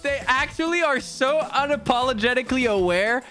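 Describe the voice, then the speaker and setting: A man's voice: very high-pitched, moderate pace, pushed and bright. A man streaming a game, switching between casual, sweary commentary and dramatic read-aloud narration. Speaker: streamer playing and voice-acting a game. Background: background music.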